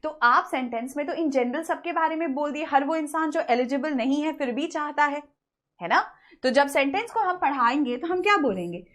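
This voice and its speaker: An animated woman with a high, slightly bright voice teaches English grammar in an online lecture. Her explanations mix Hindi and English; she asks questions, supplies the answers herself, and reads example sentences more slowly.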